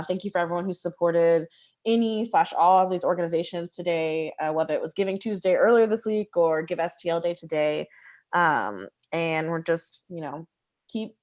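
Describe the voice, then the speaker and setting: A woman hosting a community meeting over a video call, relaxed and chatty, laughing easily. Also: on the low side. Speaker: meeting host. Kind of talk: casual chat.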